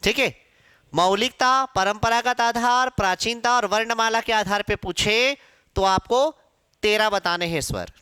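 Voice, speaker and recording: A man's voice: sits high, measured pace, pushed and bright, clean tone. A male Hindi teacher giving a classroom lecture, asking questions and answering them himself while drilling pronunciation aloud. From India.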